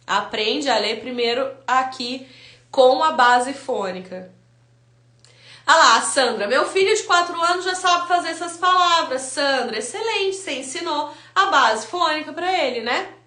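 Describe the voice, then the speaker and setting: Lady teacher on a live class, high bright voice, echoey room, keeps asking the chat stuff. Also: unhurried. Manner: lively, asks viewers questions. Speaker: literacy teacher.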